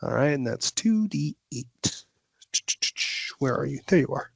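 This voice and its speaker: A man's voice: mid-range voice, expressive, unhurried, gravelly, husky, no room sound. Dry-sounding man thinking aloud at the table. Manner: thinks aloud, working out rolls. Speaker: player. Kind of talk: tabletop game play.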